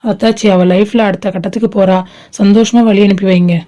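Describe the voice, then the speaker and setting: A woman voicing a calm, consoling sister-in-law in an amateur audio drama. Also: mid-range voice, fairly quick, voice pushed down, close to an everyday voice. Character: sympathetic younger sister-in-law, calm and comforting.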